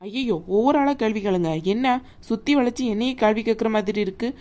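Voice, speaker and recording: A haughty young fiancée in a cartoon, voiced by a woman, dismissive and defiant. Her voice is fairly high. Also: fast talker, dark tone, close to an everyday voice. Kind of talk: animated cartoon voice acting.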